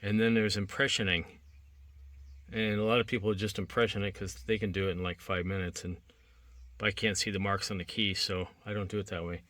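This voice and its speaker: A man who works as a locksmith, giving a casual hands-on demonstration and thinking aloud in a relaxed, halting way while he works. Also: on the low side. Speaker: locksmith demonstrating key making.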